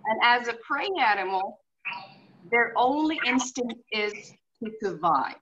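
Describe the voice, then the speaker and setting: A horse behaviorist guest, middle-aged and from Finland, speaks with a Finnish accent in a slightly high, animated, somewhat bright voice at a measured pace. Earnestly giving examples and frequently saying "you know," she's heard over a muffled, faintly hissing video call from a room at home.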